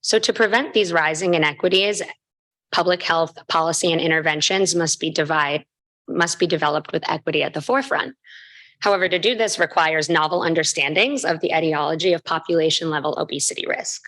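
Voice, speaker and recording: Female researcher for a formal seminar talk: low register, scripted delivery with the odd slip. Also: fairly quick, fairly bright tone, poor audio. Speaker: postdoctoral researcher presenting. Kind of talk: academic research presentation.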